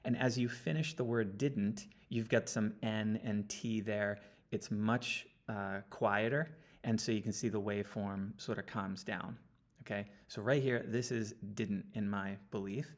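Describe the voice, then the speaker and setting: A man talking through an audio analysis step by step, often checking in with a quick "okay?". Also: fairly low pitch, fairly even intonation. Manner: explanatory, checks in with frequent "okay?". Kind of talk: screen-recorded audio analysis walkthrough. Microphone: computer mic, sitting close.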